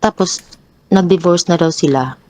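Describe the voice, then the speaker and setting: A woman telling her own troubled story as a guest, hesitant and halting with many restarts. Her pitch jumps up sharply when she relives an argument. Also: darkish tone, low-quality recording. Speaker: guest sharing a personal story. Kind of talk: confessional personal storytelling.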